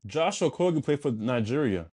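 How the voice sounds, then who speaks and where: A man's voice: medium pitch, big pitch swings, normal speed, darkish tone, slightly rough. A man in a casual podcast debate who brings up counterexamples and lets a point go readily. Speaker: podcast co-host.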